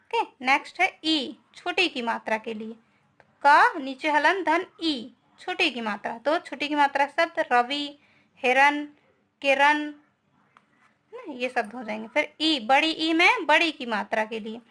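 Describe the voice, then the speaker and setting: A woman's voice: high voice, pushed and bright. A young woman teaching a grammar lesson, explaining step by step and often checking with her students.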